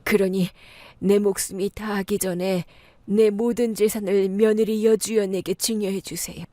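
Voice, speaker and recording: A woman's voice: mid-range voice, fairly even intonation, moderate pace, warm tone, dry recording, natural voice. Woman doing a frail dying old mother-in-law.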